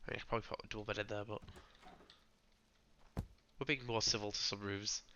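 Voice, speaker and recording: A man, hoarse and croaky from being ill, chatting casually as he plays and talks to his viewers. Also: on the low side, fairly even intonation, fairly quick, sharp tone, highs cut off, slight background noise. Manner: chatty, rambling, talks to viewers and to game characters. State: hoarse from illness. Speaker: gaming channel host. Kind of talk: casual gameplay commentary.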